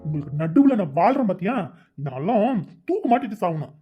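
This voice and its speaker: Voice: mid-range voice, big pitch swings, brisk, husky, muffled recording, soft background music. A performer voicing a defiant young man in a cartoon, talking back to his parents in an argumentative way.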